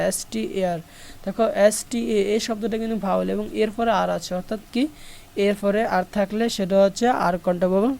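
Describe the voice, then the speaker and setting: A woman's voice: mid-range voice, darkish tone. A woman with a Bangladeshi accent teaching an online English lesson, explaining step by step and repeating each example.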